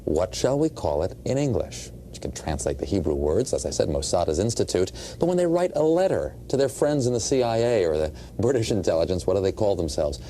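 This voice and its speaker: A man recounting an anecdote in a relaxed interview. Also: low voice, fairly quick, few pauses, a little hiss or hum. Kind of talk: interview recollection.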